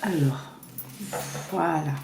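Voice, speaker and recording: A woman doing a casual tarot reading, talking fast and rambling with many restarts. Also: sits low, vocal fry. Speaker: tarot reader. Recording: echoey room with faint noise.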